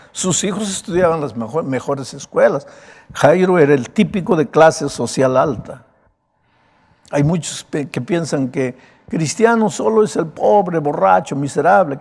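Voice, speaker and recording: Man preaching in a cracked raspy voice. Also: fairly high pitch, lively intonation, normal speed, darkish tone. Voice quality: broken, raspy voice. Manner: emphatic, conversational preaching. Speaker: pastor. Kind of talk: sermon.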